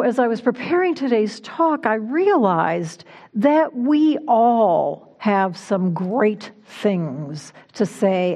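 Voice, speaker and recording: A woman minister delivering a conversational sermon in a reflective, informal way, gently guiding her listeners. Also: mid-range voice. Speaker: minister giving a talk. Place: church sanctuary.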